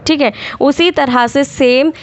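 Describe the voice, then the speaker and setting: Patient woman teaching to read, slow recitation. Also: high-pitched, no echo. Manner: patient, drawn-out recitation with quick explanations. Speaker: Urdu reading teacher. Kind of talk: slow letter-by-letter reading lesson.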